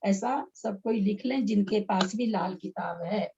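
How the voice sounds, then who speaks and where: A woman's voice: mid-range voice, unhurried, warm tone, muffled recording, slight background noise. A woman teaching a religious text class, patiently repeating each step so her students can write it down. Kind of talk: explaining text line by line.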